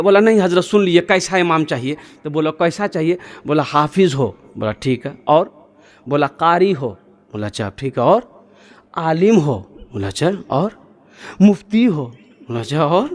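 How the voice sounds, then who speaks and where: A man giving a sermon, telling funny stories and acting out their people in lively voices. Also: fairly high pitch, moderate pace. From India. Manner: animated, acts out the people in his stories. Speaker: preacher. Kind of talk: storytelling sermon.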